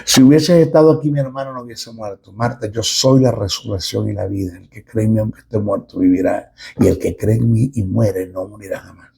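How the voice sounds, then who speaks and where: A middle-aged man preaching a sermon as a pastor, emphatic and with dramatic pauses. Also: lowish voice, creaky, mellow, breathy edge.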